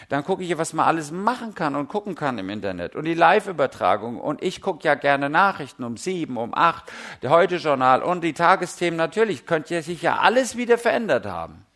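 A middle-aged man preaching a sermon in a lively, conversational way, full of everyday stories and direct questions to the listeners. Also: on the high side.

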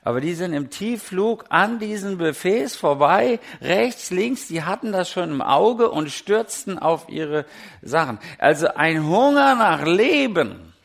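Middle-aged german guy preaching, kinda high voice, lively storytelling, loud then quiet. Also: measured pace, creaky. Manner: animated storytelling, swings between loud and hushed. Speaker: pastor. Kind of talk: sermon.

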